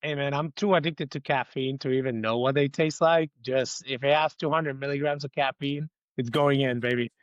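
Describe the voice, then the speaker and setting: A man's voice: mid-range voice, steady tone, normal speed, hardly any pauses, no echo, lo-fi sound. A man from Puerto Rico, a band member guest, chatting casually and joking on a podcast. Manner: laid-back, joking, says "man" and "baby".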